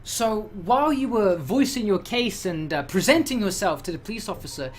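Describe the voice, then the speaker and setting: A man's voice: high-pitched, lively intonation, moderate pace, slight background noise. A man narrating a tabletop game as game master, rambling through his descriptions.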